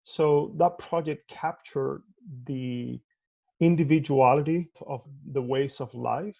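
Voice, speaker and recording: Man from Cuba, artist on video call, husky gravelly voice, dark tone, dull lo-fi audio. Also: medium pitch. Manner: measured, thoughtful, with frequent restarts. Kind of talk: interview over video call. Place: home.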